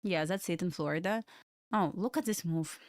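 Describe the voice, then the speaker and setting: Her voice sits on the low side, a little mellow, at normal speed, captured in clean studio quality without echo. She's a young woman from Belarus with a Russian accent, hosting a live trading stream from her home in Florida. Loose and chatty, she wanders between market remarks and viewers' questions.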